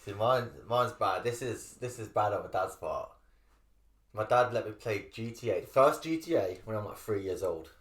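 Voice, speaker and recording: A man's voice: lowish voice, expressive, normal speed. A young man co-hosting a podcast, telling loose, rambling gaming anecdotes with some swearing. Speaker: podcast co-host. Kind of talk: casual chat. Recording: roomy echo.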